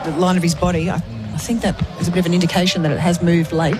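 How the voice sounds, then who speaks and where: A woman's voice: lowish voice, rapid-fire, music in the background. A woman giving conversational cricket commentary and analysis as an expert co-commentator, explaining things in a tentative way. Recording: steady ambient noise.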